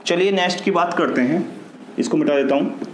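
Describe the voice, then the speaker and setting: A man's voice: fairly high pitch, brisk. Male maths teacher, Hindi accent, patient step-by-step explainer; roomy recording with faint hiss. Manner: explains step by step, asks and answers his own questions. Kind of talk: classroom lesson. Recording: echoey room with faint noise.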